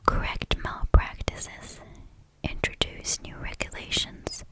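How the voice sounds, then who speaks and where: A woman whispers an ASMR reading of a history text in a measured way, close into the listener's left and right ears. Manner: slow, measured scripted reading. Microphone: close-up stereo microphone.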